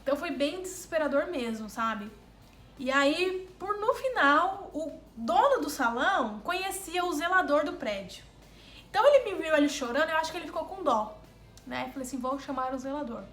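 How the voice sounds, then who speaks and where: Recounting a trip gone wrong, a woman vlogger from Brazil chats casually and with energy, often doubling up words for emphasis. She is high-pitched, speaks at normal speed, and the sound is roomy.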